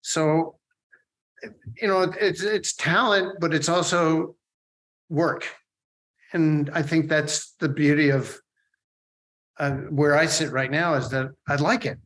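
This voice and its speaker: A late middle-aged man from the Philadelphia area, speaking as a guest in a casual podcast interview. His voice sits a little high for a man, and he rambles, stopping and restarting his thoughts as he goes. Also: steady tone, a bit bright, poor audio. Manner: rambling, halting with many restarts. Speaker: guest, artist and sculptor.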